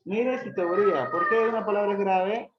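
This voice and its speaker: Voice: mid-range voice, normal speed. Insistent teacher quizzing a noisy echoey class. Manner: insistent, quizzing students by name with repeated questions; stern, scolding students for not reviewing the book. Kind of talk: classroom grammar lesson. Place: classroom with students. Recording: echoey room, dull lo-fi sound, loud background noise.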